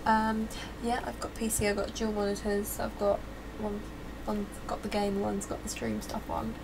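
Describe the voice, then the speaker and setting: A woman's voice: mid-range voice, little pitch movement, moderate pace, vocal fry, background noise. A young woman livestreamer chatting casually to viewers, sounding tipsy and a bit giggly from drink. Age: young adult. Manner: tipsy, giggly drunk talk. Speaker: live streamer. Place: small cluttered bedroom.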